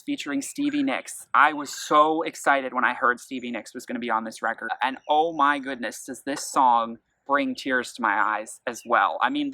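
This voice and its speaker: Man, music reviewer, enthusiastic, chatty, bright voice, dry close sound. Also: mid-range voice, dry recording, rough recording. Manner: enthusiastic, talkative, many fillers and restarts. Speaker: album reviewer. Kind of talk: casual spoken album review.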